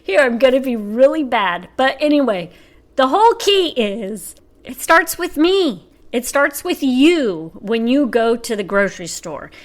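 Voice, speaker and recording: A woman's voice: high-pitched, measured pace. A middle-aged woman hosting a podcast as a personal trainer and health coach, talking casually and animatedly, laughing as she tells stories. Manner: chatty and animated, laughs while telling stories. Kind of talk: casual solo podcast talk.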